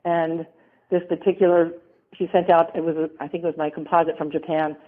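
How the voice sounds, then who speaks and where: A woman's voice: sits low, level tone, brisk. A middle-aged woman, a former model, chatting as an interview guest, rambling and laughing often. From American South. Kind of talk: casual interview talk. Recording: tinny phone-line sound.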